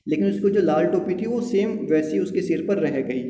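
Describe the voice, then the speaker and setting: A man teaching a poem as a Hindi-English lesson. He reads the English lines slowly, explains them in Hindi and keeps checking in with his students. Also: high voice, lively intonation, mellow. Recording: echoey room with long reverb, faint ambient noise.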